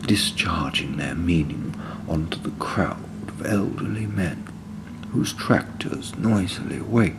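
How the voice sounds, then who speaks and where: Voicing the narrator of his own short story, a man becomes a dissolute, disconsolate old village drinker of low habits, in a heavily acted, lowish voice with a gravelly, breathy edge. He speaks slowly and haltingly, deliberate and full of long pauses. Clear field recordings of outdoor ambience and passing vehicles run beneath him.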